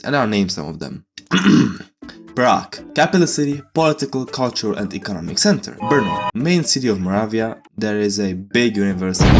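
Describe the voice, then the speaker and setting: A young man from Czechia, telling his life story in a casual, playful voice-over with sarcastic asides. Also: on the low side.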